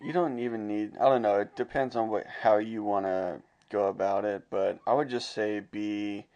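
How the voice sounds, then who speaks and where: A man's voice: on the low side, fairly even intonation, normal speed, darkish tone, highs cut off. A young man co-hosting a travel podcast, laid-back and rambling, with a jokey streak. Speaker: podcast co-host. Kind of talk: casual travel podcast chat.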